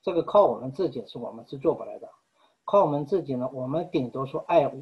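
A man delivers a sermon in an earnest, unhurried manner, with frequent pauses. His voice is slightly husky and sits at an ordinary pitch. The recording sounds dull and lo-fi. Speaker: preacher.

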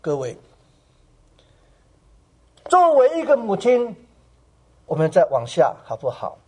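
A man preaching a sermon in a high voice that climbs and falls with wide swings. He keeps turning to his listeners with questions. When he quotes others, he drops into a soft, hushed tone. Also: husky. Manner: animated, asks the congregation questions.

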